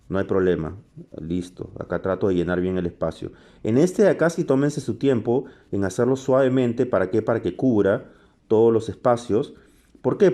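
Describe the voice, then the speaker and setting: A man teaching a drawing lesson while he sketches, chatty and relaxed, often checking in with "ok?" and correcting himself. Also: medium pitch. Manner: chatty, frequent "¿ok?" and self-corrections.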